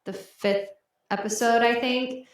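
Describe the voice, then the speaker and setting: A woman's voice: a little high, steady tone, measured pace. A woman co-hosting a podcast, chatting casually and rambling with lots of "um" and "like". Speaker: podcast co-host. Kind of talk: casual chat. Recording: echoey room.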